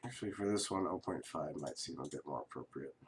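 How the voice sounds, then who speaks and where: A man who is sick and coughing, casually talking through a software tutorial at his computer, rambling and correcting himself with fillers. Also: very deep voice, animated, fast, a little hiss or hum. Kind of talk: casual screen-recorded tutorial.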